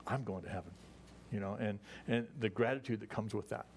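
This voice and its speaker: A man's voice: lowish voice, brisk, a little mellow, a little hiss or hum. Folksy conversational male pastor. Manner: conversational, folksy, with many restarts. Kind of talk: sermon. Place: church service.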